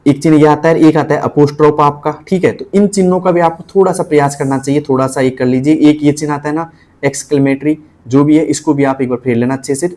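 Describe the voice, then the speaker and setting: Male tutor, Rajasthani Hindi accent, casual teaching delivery, slightly higher voice, spells letters out slowly. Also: a little mellow. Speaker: typing tutor.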